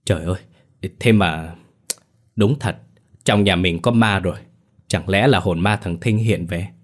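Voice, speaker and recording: A man voicing a sharp-tongued, scornful older village wife who scolds and dismisses her husband, in a told ghost story. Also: deep voice, a little slow. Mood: frightened.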